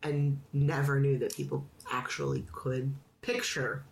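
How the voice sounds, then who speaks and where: A woman's voice: very deep voice, flat delivery, measured pace, gravelly. A woman in her thirties chatting casually as a podcast co-host, using lots of "like" and laughing often. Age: 30s. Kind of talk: casual chat.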